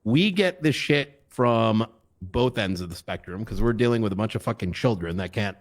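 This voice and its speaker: A man playing a police officer who leads calls, explaining things in a measured, frustrated way. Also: on the low side, lively intonation. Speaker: police officer leading calls in a roleplay game. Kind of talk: in-character discussion.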